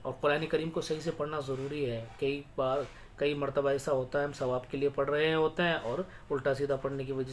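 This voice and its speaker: A man teaching Quran reading. He explains the rules briskly, then chants each verse slowly, syllable by syllable. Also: a little high, slight background noise.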